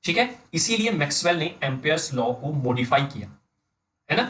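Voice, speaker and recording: A man with an Indian accent giving an engineering lecture, dictating slowly word by word and often checking in with his students. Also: a little high, animated, a bit bright, rough recording. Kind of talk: blackboard-style lecture in mixed Hindi and English.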